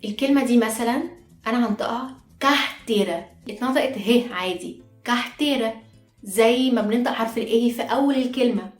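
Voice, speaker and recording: A woman's voice: a little high, quick pace, darkish tone. A woman with an Egyptian Arabic accent, patiently teaching pronunciation step by step, repeating each example word aloud. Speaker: Portuguese teacher. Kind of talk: online language lesson. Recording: echoey room with faint music.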